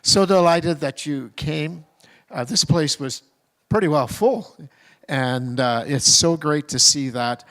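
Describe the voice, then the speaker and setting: A man moderating a conference session, thanking the speaker and giving gracious, unhurried closing announcements. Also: a little high, a bit bright.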